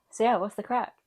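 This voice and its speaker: A woman co-hosting a podcast in casual comedic chat, with a playful, giggly manner. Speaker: podcast co-host.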